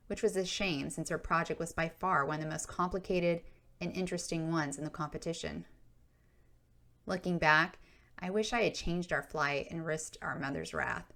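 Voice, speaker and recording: A woman narrating her own memoir in a steady, earnest way. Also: sits low.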